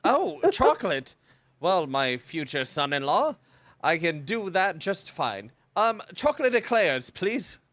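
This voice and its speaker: A man's voice: a little high, sing-song, a little slow, fairly bright tone, dry recording, voice pushed up. A man doing a fumbling noble lord host. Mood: pleased. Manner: stately but fumbling, hesitant fillers. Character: lordly father hosting guests, formal, eager to please.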